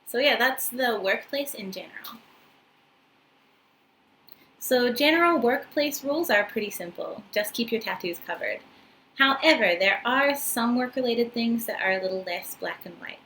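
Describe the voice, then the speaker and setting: A woman in her twenties speaks with a New Zealand accent, pitched fairly high, with lively intonation, a moderate pace, and a fairly bright tone. She's a vlogger and English teacher in Japan, chatting to the camera in a casual, friendly manner full of ums and uhs. The low-quality close-up recording has a little hiss or hum and was made in a small room with a wooden floor and paper screens.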